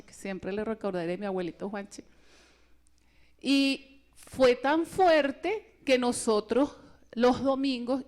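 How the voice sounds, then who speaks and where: A woman giving a personal testimony at a religious retreat, telling her story in a lively way and acting out the voices of the people in it. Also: on the high side. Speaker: retreat speaker.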